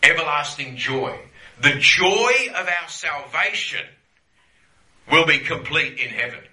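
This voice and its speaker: A man's voice: fairly high pitch, measured pace, pushed and bright, reverberant, rough recording. A man teaching a Bible class to a group, conversational, often checking in with "yeah?" and repeating phrases for emphasis.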